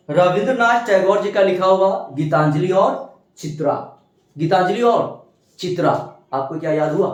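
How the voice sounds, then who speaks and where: A man teaching an exam-prep lesson, animated, asking questions and answering them himself. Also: sits high. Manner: animated, asks and answers his own questions. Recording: very echoey room.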